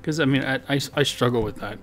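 A digital painter and video host rambles through a casual voice-over about his painting, full of fillers and restarts and poking fun at himself. His voice is mid-range, fast, and a bit bright, with guitar music in the background.

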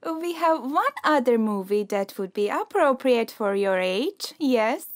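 A woman's voice: fairly high pitch, expressive, dry recording, clean studio sound. A woman voicing a snooty, mock-polite cinema ticket seller. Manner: slow, posh, mock-polite.

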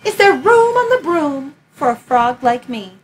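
Woman reading as a polite croaking frog. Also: sits high, very animated, measured pace, slight background noise. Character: polite wet storybook frog.

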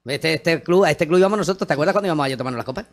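A man co-hosting a comic show, reading historical dates and joking with puns in casual banter. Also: on the high side. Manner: jokey, wordplay, quick and lively. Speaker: comedy radio co-host.

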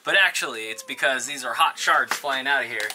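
Heavy background noise accompanies a man's medium-pitched, brisk voice as he vlogs casually about his DIY project. Rambling and informal, this vlogger and host talks to a handheld camera at arm's length while working inside a converted school bus and outside next to it.

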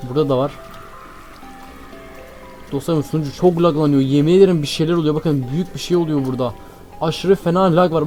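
A man giving frantic gameplay commentary, repeating himself and talking straight to his viewers as friends. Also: fairly high pitch. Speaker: Minecraft gameplay streamer.

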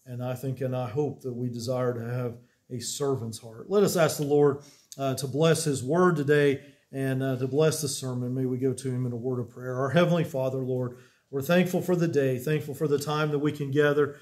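A man in his fifties, a pastor preaching a sermon after an opening prayer, unhurried with many pauses, in a small church room. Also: mid-range voice, fairly even intonation, a little mellow. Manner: unhurried, many "uh" pauses, rising emphasis on key words. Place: small church room with a wooden cross on the wall.

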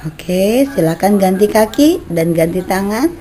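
A woman leads children through simple exercises, her voice in an ordinary middle pitch. She gives slow, patient, step-by-step cues. It is caught on a camera mic on an outdoor veranda. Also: animated, mellow. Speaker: brain gym instructor.

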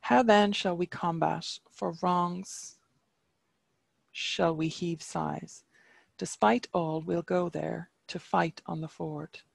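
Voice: medium pitch, fairly even intonation, slow, vocal fry, slightly rough, dry recording, exaggerated voice. A reader voicing the male warrior hero Cuchulainn, reciting archaic verse in a chant-like manner. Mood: defiant. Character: legendary young male Irish hero, defiant warrior.

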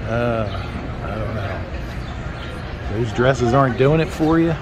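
A man giving a casual walking tour of a town street, relaxed and rambling as he points things out and thinks aloud. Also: mid-range voice, slow. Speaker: vlogger, tour guide. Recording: noisy outdoor street recording. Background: street traffic.

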